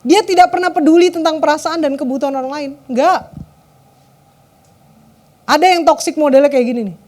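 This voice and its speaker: Brief: woman youth preacher, high bright pitch, chatty and direct with the crowd. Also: a little fast. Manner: conversational, keeps addressing the audience, lets phrase ends drop low and soft. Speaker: youth service speaker. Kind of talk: sermon.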